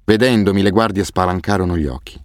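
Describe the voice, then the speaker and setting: A man reading a first-person novel aloud as an audiobook narrator, in a grave, measured way. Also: low voice, no echo, clean studio sound. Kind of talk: scripted narration.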